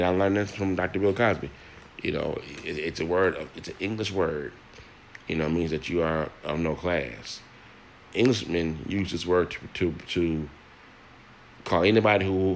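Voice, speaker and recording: A man's voice: deep voice, a little hiss or hum. An older man in a personal monologue, earnest and plain-spoken, often repeating words and restarting as he speaks to listeners.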